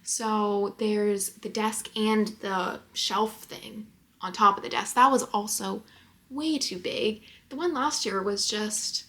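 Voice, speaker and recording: A woman's voice: mid-range voice, takes it slowly, bright, forceful tone. A woman in her early twenties vlogging casually in a small apartment bedroom, chatty and rambling with lots of filler likes. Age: early 20s. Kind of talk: casual chat to camera.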